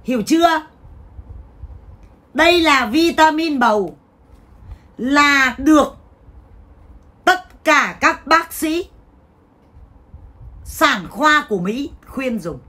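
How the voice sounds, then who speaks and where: A woman's voice: high-pitched, lively intonation, drawn-out words, long pauses, pushed and bright. A woman hosting a livestream sale who rants and scolds her viewers with a foul mouth. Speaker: livestream seller. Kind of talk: livestream sales talk.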